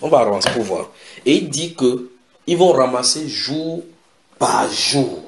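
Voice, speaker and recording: A man preaching a sermon in an animated way, repeating key phrases for emphasis. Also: mid-range voice, unhurried, gravelly. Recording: echoey room.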